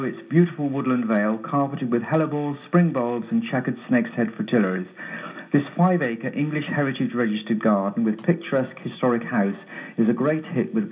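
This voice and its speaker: A man phoning into a radio show from a bare, freshly decorated room, his voice echoing as if in a tunnel while he briskly reads out a list of details. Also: medium pitch. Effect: echoey sound like a tunnel, from a freshly decorated bare room. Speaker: regular garden events contributor. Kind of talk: phoning in to a radio show, reading a listings roundup. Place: newly decorated empty home office. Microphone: telephone. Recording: tinny phone line, echoey room.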